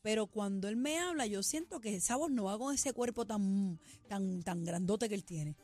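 A woman's voice: mid-range voice, moderate pace, faint music behind. A woman, hosting a teasing gossip segment on radio. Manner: teasing, lively gossip reader. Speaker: radio show host.

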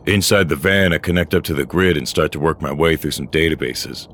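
In a science-fiction audio drama, a world-weary old cyborg man delivers dialogue and first-person narration in a very low voice with a fairly bright tone. He speaks briskly and steadily, blunt and matter-of-fact, with gruff, dry wit, over a faint bed of background noise.

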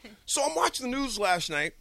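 A man's voice: extremely high pitch, fast, gravelly. A middle-aged man hosting a radio show in a studio, telling stories with jokes and frequent laughter. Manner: animated, jokey storyteller who laughs a lot. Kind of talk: lively radio talk.

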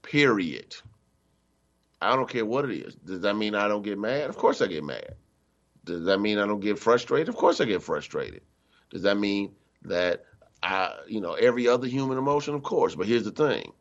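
A middle-aged man with a very low voice delivers a spiritual teaching in a loose, conversational way, leaning hard on the points he wants to land. He slips into other people's voices when quoting them. The recording sounds a little dull, like a radio broadcast. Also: expressive, moderate pace. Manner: conversational, emphatic, acts out quoted voices. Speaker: minister.

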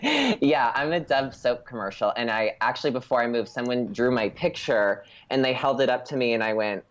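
Very lively, mock-earnest guest, slightly lo-fi. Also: male voice, medium pitch, moderate pace. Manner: playful mock-earnest delivery. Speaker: podcast guest. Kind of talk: casual comic chat. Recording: slightly dull lo-fi sound.

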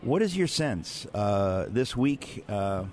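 A talk show host conducts a candid, wry radio interview on a platform at a big convention center. His fairly low voice has a sing-song lilt, and he talks slowly over the din of a packed, noisy floor.

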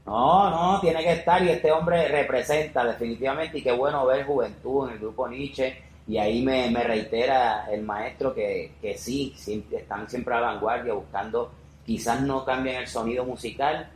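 A man hosts a podcast interview, casual and rambling, often repeating phrases for emphasis. His voice is medium in pitch at a moderate pace, and the recording has a roomy echo with faint background noise.

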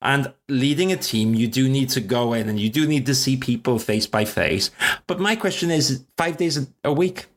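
A man's voice: medium pitch, normal speed. A man from Wales hosting a podcast, chatting in a rambling, self-deprecating way. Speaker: podcast host. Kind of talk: casual chat.

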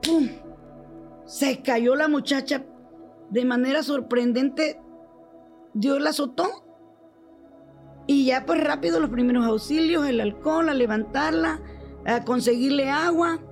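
Older lady telling a story, acts out the people in it, high voice with lots of fry. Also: a little slow, pauses often, soft background music. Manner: animated, acts out the people she quotes. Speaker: storyteller guest. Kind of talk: telling a true story in a chat.

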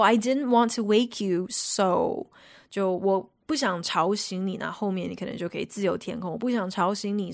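A woman hosts a radio lesson, explaining English phrases in a chatty, patient way. Her voice sits in a middle pitch. The studio recording is dry and close. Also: vocal fry, dry recording. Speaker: radio host.

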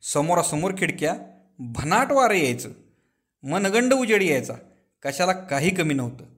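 A man's voice: fairly high pitch, very animated, moderate pace, fairly bright tone. A man voicing a boastful elderly village notable who is smitten with his nurse, telling his tale with relish and drawing out his words.

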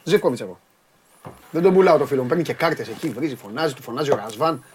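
A man leading a lively sports panel chat, teasing the others and repeating words rapidly. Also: mid-range voice, noisy background.

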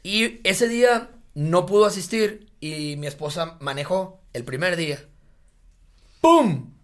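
A man with a Mexican accent, a guest in a casual podcast chat, telling stories in a lively, slangy way and often repeating himself. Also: sits high, slow.

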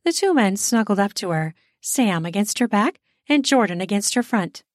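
A woman narrating an erotic audio story in a smooth, steady storytelling manner. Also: mid-range voice, moderate pace, no echo, studio quality.

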